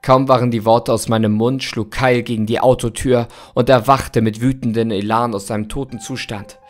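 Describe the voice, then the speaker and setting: A man reading a horror story aloud in a hushed, measured way, as its narrator. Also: mid-range voice, fairly even intonation. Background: faint background music.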